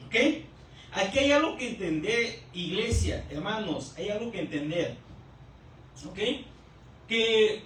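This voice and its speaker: A male pastor preaching a teaching sermon, who keeps checking in with the congregation and repeats key words slowly. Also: high-pitched, fairly bright tone. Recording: echoey room, distant mic, faint noise.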